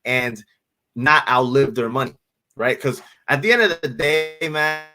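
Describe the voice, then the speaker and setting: A man in his thirties from the Dominican Republic, speaking as a guest financial advisor in a casual interview, in a relaxed way, often repeating words and asking "right?". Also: medium pitch, a little slow, rough recording. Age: 30s. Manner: relaxed, repeats words while thinking, asks rhetorical "right?".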